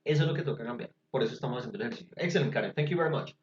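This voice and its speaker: A man's voice: medium pitch, animated, rapid-fire, a little hiss or hum. A man teaching an English class over a video call, explaining patiently step by step. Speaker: English tutor. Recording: echoey, dull video-call audio.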